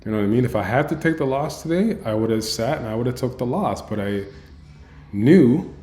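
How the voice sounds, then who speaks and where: A man's voice: medium pitch, lively intonation, brisk, dark tone, roomy sound. A man coaching options traders in an end-of-day recap over a screen share, emphatic, repeating phrases and tagging his lines with "right?".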